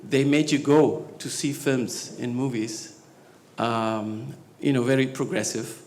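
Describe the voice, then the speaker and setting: A man from Spain, a scholar on a panel, speaking conversationally with many hesitations and growing more animated as he goes. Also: mid-range voice, slow. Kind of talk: conversational talk on stage. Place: talk venue stage.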